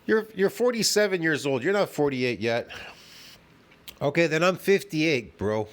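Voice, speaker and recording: A man in his fifties, a fitness video host, rants from home in a reaction video, scornful and profane, constantly tossing in "man" and "bro." His voice is a little high, expressive and unhurried, with a little hiss or hum in the audio.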